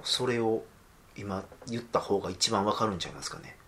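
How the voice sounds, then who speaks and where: A man's voice: fairly low pitch, fairly quick, noisy background. A man from Wakayama with a Kansai accent, a guest chatting casually on a podcast, laughing and self-deprecating. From Wakayama, Japan. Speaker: guest copywriter.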